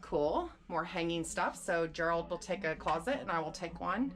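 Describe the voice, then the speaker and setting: This woman vlogger has a lowish, expressive voice with a fairly bright tone and a moderate pace. She chats casually while walking through a room to show it off, sounding a little out of breath.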